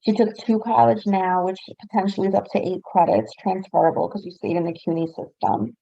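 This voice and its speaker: A woman's voice: medium pitch, steady tone, fairly quick, creaky, dark tone, dry recording, dull audio. A woman hosting a webinar interview over a video call. She asks probing questions and recaps the figures for her audience. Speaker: webinar host.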